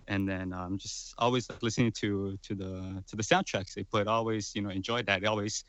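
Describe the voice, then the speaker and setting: A man's voice: lowish voice, steady tone, a little fast, a bit bright, no room sound. A man in his twenties, a guest musician, talking in a rambling casual way with lots of fillers. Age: 20s. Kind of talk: casual chat.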